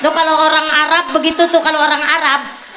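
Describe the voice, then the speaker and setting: This Islamic preacher, a woman from Tangerang, Indonesia, talks a little fast in a high, bright, forceful voice with little pitch movement. Joking and teasing the listeners, she offers a humorous sermon at a community celebration held at a neighborhood religious gathering. The audio comes from an echoey, noisy sound system.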